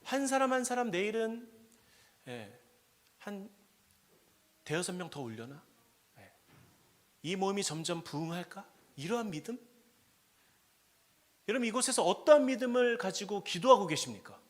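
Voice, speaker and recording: Impassioned high-pitched male preacher. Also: very animated, normal speed, pauses often. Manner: swings between quiet asides and loud impassioned cries; asks the congregation questions. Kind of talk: sermon at a prayer meeting.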